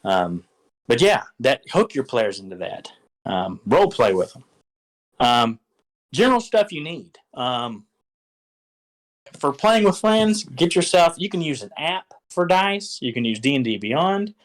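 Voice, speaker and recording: A man's voice: medium pitch, sing-song, measured pace, low-quality recording. A man casually explaining how to run a tabletop game, rambling with lots of fillers and restarts. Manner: rambling, filler-heavy, enthusiastic. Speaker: game master giving advice. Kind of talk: casual instructional talk.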